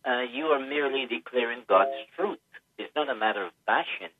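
An older man from Guyana calls in over a tinny, dry phone line. He stumbles and repeats words, then lands his point with emphasis, at a middle pitch. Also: fairly quick, no room sound. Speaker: caller. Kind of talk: call-in radio talk.

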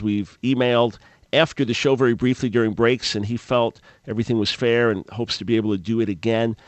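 Earnest animated male radio host. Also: mid-range voice, no room sound. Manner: earnest, animated, repeats words and restarts often. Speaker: radio talk show host.

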